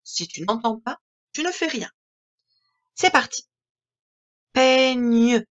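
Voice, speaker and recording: A woman with a French accent, teaching a reading lesson to young children in a slow, clear, patient way that spells out each word. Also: on the high side, sing-song, sharp tone, highs cut off. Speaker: primary school teacher.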